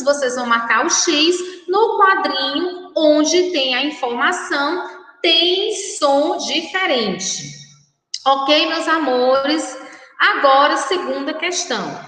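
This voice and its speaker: A middle-aged woman teacher giving a slow, patient lesson to young children, spelling out syllables one by one. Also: sits high, pushed and bright. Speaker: primary school teacher. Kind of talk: recorded classroom lesson for children. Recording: echoey room, mic far off.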